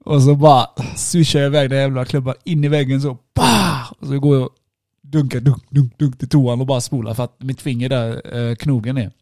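A man's voice: medium pitch, little pitch movement, mellow, dry recording, studio quality. A worn-out man in casual chat, telling a story with lots of swearing. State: tired, worn out.

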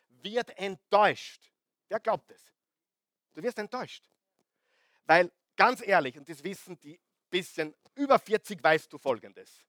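A middle-aged man preaching a lively sermon to a congregation, often asking the crowd questions and swinging between loud and soft. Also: high-pitched, dry recording. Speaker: pastor.

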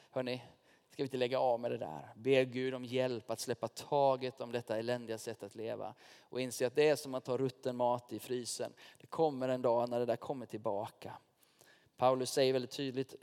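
A man's voice: medium pitch, a little mellow. A man preaching as a pastor in a church, talking informally and directly to the congregation and telling personal stories. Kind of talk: sermon. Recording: long reverb of a church hall.

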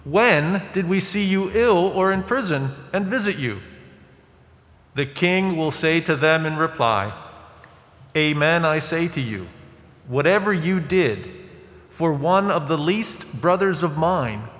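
Male priest, formal Gospel reading, measured delivery, cathedral echo, long reverb. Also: on the high side, animated, a bit bright. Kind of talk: liturgical Scripture reading. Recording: echoey church with long reverb.

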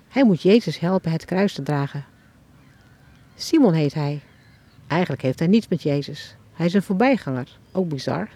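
A woman's voice: fairly low pitch, vocal fry, mellow, slightly rough. A woman who writes children's books tells a devotional story as if she is watching it happen, and keeps turning to the listener with questions. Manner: addresses the listener directly with questions, as if standing at the scene. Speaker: children's book author.

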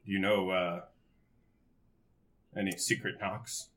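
Bright, lowish-voiced hesitant male player. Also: flat delivery, slow pace. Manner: hesitant, stammering. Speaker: tabletop game player. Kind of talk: casual improvised role-play.

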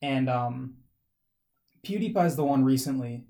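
A man's voice: mid-range voice, expressive, unhurried, gravelly, dark tone. A man co-hosting a podcast, talking casually and rambling with many fillers and restarts. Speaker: podcast co-host. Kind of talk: casual chat.

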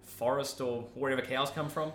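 A man's voice: medium pitch, fairly even intonation, normal speed, roomy sound, slight background noise, close to an everyday voice. A man playing a gullible, stubborn husband in a comedy sketch, earnest and easily indignant. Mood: earnest, defensive. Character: gullible husband, stubbornly defending his strange purchase.

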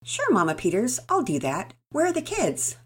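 A woman voicing a calm, friendly father in an easygoing way. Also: on the high side, moderate pace, husky, voice pushed up, heavily acted. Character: warm, calm father coming home.

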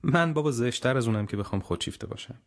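A man's voice: mid-range voice, lively intonation, close to an everyday voice. A man voicing a cautious, polished male television interviewer in an audiobook. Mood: guarded.

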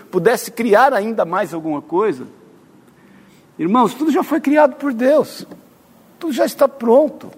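A man preaching a sermon with a notably high voice. He speaks earnestly to his congregation and now and then stumbles and restarts a word. His voice rings out with a long echo through a large church hall. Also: a little mellow, slightly rough. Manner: earnest, addresses congregation directly, stumbles on words. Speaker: pastor.

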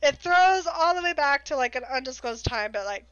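A young woman casually chatting and retelling an audiobook, animated, laughing often and swearing freely. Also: sits high, brisk, dry recording, highs cut off. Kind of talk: casual chat recapping an audiobook.

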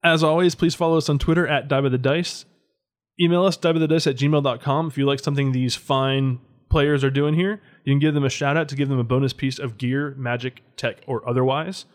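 A man narrating and running a tabletop game as game master, in a calm, measured way. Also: medium pitch.

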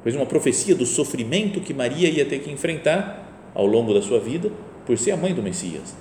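A male priest with a Brazilian Portuguese accent delivers a sermon in an easy, conversational way. His voice is lively and rises and falls a lot as he leans on rhetorical questions. It rings through a reverberant hall, with faint ambient sound behind him. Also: mid-range voice, moderate pace, a little hiss or hum.

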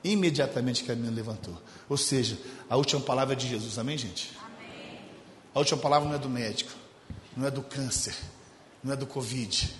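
A man with a Brazilian accent preaching a humorous sermon as a pastor, telling stories and moving between loud, animated stretches and quiet, intimate ones. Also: mid-range voice, a little fast, pauses often, a little hiss or hum. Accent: Brazilian Portuguese. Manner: storytelling, jokes with the congregation, shifts from loud to hushed. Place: church hall. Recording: echoey church hall.

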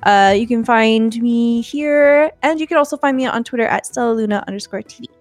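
A woman's voice: fairly high pitch, brisk, faint music behind. A woman playing a tabletop game and streaming, chatting casually in and out of role in a playful, exclamatory way. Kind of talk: casual role-play chat.

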